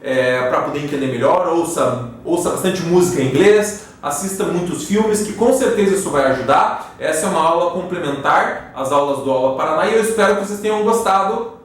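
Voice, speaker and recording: Brazilian male English teacher, higher voice, patient and explanatory, echoey distant room sound. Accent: Brazilian Portuguese. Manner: slow, careful English example sentences; frequent "tá?" and "né?" check-ins. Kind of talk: classroom grammar lesson. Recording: very echoey room, voice far from mic.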